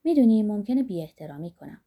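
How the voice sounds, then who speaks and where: A woman reading the lines of a blunt, earthy old miner who talks with impatience, pitched a little lower than her narration. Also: sing-song, dark tone, slightly rough. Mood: explaining. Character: blunt hardworking older Greek miner, gruff.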